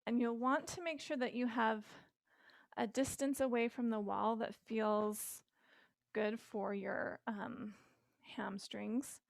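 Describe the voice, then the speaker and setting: A middle-aged woman guiding a yoga session with calm, gentle instructions and casual fillers, recorded indoors on a close mic. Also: on the high side, slow, creaky, no echo.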